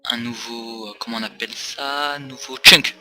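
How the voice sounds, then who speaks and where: A man's voice: mid-range voice, fairly even intonation, normal speed, over music. A tired man rambling through casual gaming commentary with many hesitations, recorded on a desk mic for a facecam. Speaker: let's play host.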